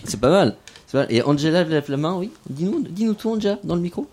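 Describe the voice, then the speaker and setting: A man hosting a casual local radio show, playful and self-mocking, gently drawing out the young guests. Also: on the high side, animated, fast talker, a little hiss or hum. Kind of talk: casual radio chat with children.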